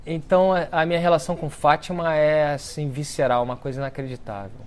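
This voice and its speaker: A man giving a storytelling talk to an audience, acting out the quoted speech with lively shifts in his voice. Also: a little high, fast. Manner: animated storyteller who acts out quoted speech. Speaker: speaker at a book launch talk. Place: lecture event before an audience.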